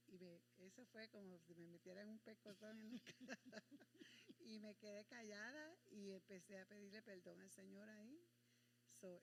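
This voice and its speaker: A woman church member shares a personal testimony in a plain storytelling manner. Her voice sits fairly low. A faint hum of noise stays behind her. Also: low-quality recording.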